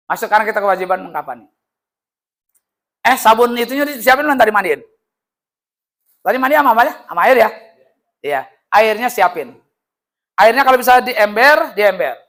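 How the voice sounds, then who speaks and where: A man teaching a lively, joking religious class and acting out the voices he quotes. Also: sits high. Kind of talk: lively classroom lesson with jokes.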